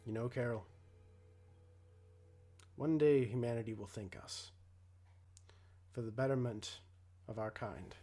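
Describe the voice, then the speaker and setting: A man voicing a smug, self-righteous villain with slow, theatrical menace in a tabletop game. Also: mid-range voice, dark tone, voice pushed down, close to an everyday voice. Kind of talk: tabletop role-play acting.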